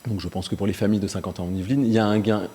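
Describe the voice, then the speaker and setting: A man's voice: on the low side, fairly even intonation, rapid-fire, mellow. A local campaign representative making his case in a televised political debate with assured arguments. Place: local TV studio.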